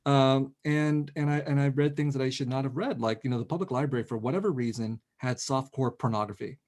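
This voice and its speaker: A middle-aged man speaks quickly and in bursts, often restarting his sentences as he goes. He is an author in a relaxed conversation, heard over a video call. His pitch sits in an ordinary middle range. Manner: animated, quick, with many restarts. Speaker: author guest. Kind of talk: casual conversation.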